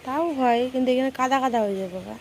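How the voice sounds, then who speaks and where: A woman homemaker, chatting casually to her viewers about her day and her household chores in a hushed voice. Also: sits high, rapid-fire, vocal fry, slight background noise. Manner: talks softly in a hushed voice; chatty, runs through daily chores. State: hot and sweaty. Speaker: lifestyle vlogger and homemaker. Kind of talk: casual chatty vlog narration. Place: rented village home, indoors and outdoors.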